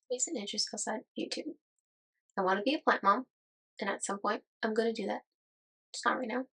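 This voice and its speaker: A woman's voice: medium pitch, a bit bright, low-quality recording. A woman in her thirties from Las Vegas who chats casually about herself in a get-to-know-me vlog. She laughs often and is amused at her own remarks. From Las Vegas, United States. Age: 30s. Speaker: YouTuber.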